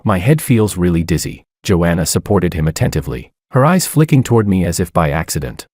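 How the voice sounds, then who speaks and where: A man with a very low voice reads a dramatic first-person story. His delivery is expressive, rising and falling widely. The sound is dry and close, with no room around it. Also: no room sound. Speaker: narrator.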